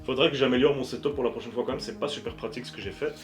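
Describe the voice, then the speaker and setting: A man talks his way through a pile of card packs, chatty, teasing and a little crude, with plenty of fillers. His voice sits at an ordinary middle pitch. Faint music plays underneath. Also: racing. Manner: chatty, joking, casually crude, frequent fillers. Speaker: YouTuber opening card packs. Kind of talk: casual card-opening commentary.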